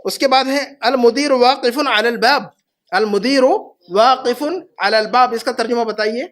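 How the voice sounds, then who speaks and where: Male language teacher, very high pitch, patient, slow repetitions for the class. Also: steady tone, fairly bright tone. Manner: patient, repeats phrases slowly for students. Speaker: Arabic teacher. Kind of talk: classroom lesson.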